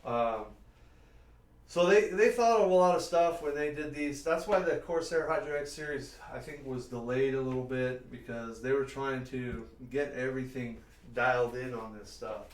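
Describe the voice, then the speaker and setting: A man's voice: medium pitch, normal speed, slight background noise. A middle-aged man chatting casually on a live stream, rambling and answering viewers as he works in a warehouse workshop. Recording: roomy sound, mic at a distance.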